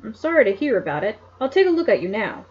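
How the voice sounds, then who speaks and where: An earnest, calm middle-aged male doctor talks in a read-aloud mystery, voiced by a woman in her own voice. The voice is husky, and the lo-fi recording sounds dull. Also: on the high side, fast talker.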